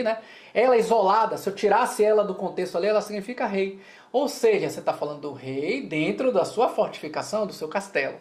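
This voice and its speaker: A woman's voice: fairly low pitch, darkish tone. A woman with a Brazilian Portuguese accent teaching Mandarin in a lesson, explaining in a chatty way and often checking in with her students. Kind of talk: co-taught language lesson.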